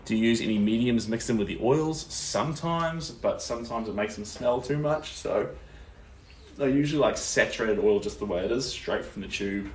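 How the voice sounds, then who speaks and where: A man's voice: mid-range voice, normal speed. A young man with a New Zealand accent chatting casually and encouragingly while he paints on a livestream. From Tauranga, North Island, New Zealand. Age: young adult. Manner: easygoing, encouraging, reads out viewers' comments. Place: small indoor art studio. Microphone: camera or phone a few steps away. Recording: roomy, distant mic, faint noise.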